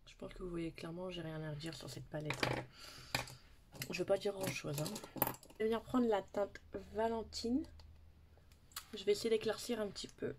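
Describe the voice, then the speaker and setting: A young woman casually talking through a makeup tutorial, chatty, sometimes dropping into soft asides and near-whispers. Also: medium pitch, fairly even intonation, moderate pace, pauses often, a little hiss or hum. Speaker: beauty vlogger.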